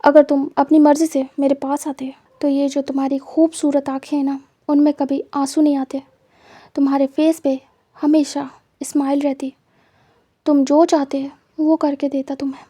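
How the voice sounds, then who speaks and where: A woman voicing a menacing, possessive young man who gloats and threatens in a quiet, low voice for a storybook reading. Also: little pitch movement, normal speed, no echo, natural voice.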